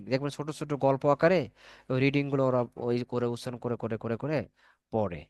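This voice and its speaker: A man's voice: fairly high pitch, no room sound. A man teaching a spoken English class online, coaxing students to answer and repeating his points.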